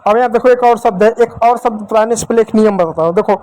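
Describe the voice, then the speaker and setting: A man's voice: high-pitched, fast talker, a little mellow, low-quality recording. A man teaching English spelling to students, asking questions and answering them himself. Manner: repetitive, asks questions then answers them. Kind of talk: classroom lesson at a board.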